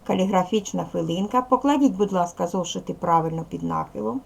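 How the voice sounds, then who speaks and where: A middle-aged woman teaching young children in a video lesson, explaining slowly and clearly with patience. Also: fairly low pitch. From Ukraine. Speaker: primary school teacher.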